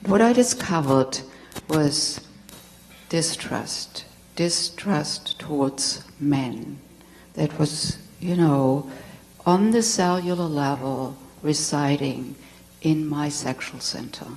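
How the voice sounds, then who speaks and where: This middle-aged woman, a tantra teacher with a German accent, speaks slowly in a deep, slightly mellow voice. She tells a live audience her personal story with candor and plenty of laughter, and the spiritual center hall adds a long reverb.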